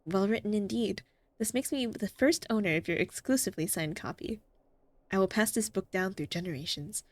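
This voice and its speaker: A woman's voice: medium pitch, brisk, dry recording, lightly acted. Woman reading as a kindly game doctor, dry sound. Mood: warm, sincere. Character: calm, kindly female doctor who likes fairy tales.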